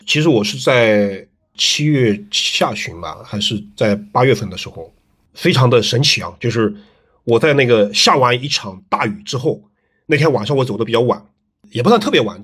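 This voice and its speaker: A middle-aged man, a landscape design teacher, telling stories in a relaxed interview with lots of fillers and tag questions. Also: mid-range voice, slightly rough. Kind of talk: casual interview storytelling.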